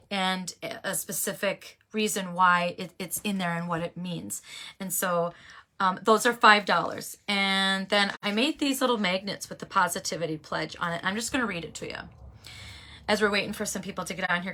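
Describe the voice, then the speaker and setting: Chatty bright-voiced woman hosting a livestream. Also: fairly low pitch. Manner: chatty, folksy, greets viewers by name. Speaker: livestream host selling handmade crafts. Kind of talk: casual live chat.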